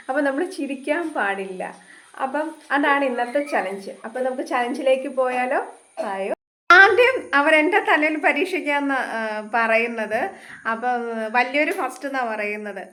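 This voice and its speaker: Woman vlog host, high bright voice, giggly and playful, recorded in an echoey room at home. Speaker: vlogger host. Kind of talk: casual family challenge vlog.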